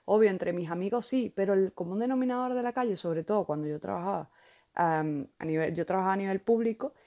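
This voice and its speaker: Woman, casual podcast chat, halting, repeats words, middle pitch. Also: warm tone. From Venezuela. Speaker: podcast co-host.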